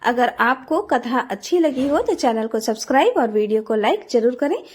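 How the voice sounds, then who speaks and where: Brief: woman storyteller, steady devotional narration, high voice. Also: normal speed.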